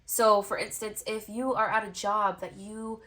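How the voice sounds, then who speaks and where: This woman reads tarot for viewers choosing a card, her delivery soft and reassuring and built from recurring phrases in a steady stream, though her nose is clearly congested. She speaks in a mid-range voice, flatly and at a measured pace.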